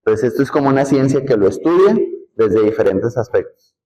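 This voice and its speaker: A man's voice: medium pitch, expressive, fairly quick, mellow, poor audio. A man from Nuevo León with a northern Mexican accent gives a classroom lecture, explaining in a conversational way and putting questions to the class. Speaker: teacher.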